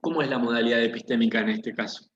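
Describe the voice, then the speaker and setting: A man teaches a class at an even pitch, walking his students through each example with patient questions. His voice sounds muffled and carries a roomy echo, with faint typing behind it. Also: fast, slight background noise. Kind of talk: online class lesson. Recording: dull, echoey room audio.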